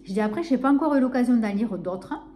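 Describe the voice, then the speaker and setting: Here the Narbonne book vlogger speaks fast and expressively in a higher register, with a little hiss or hum on the recording. Her southern French accent comes through as she rambles warmly and casually about books.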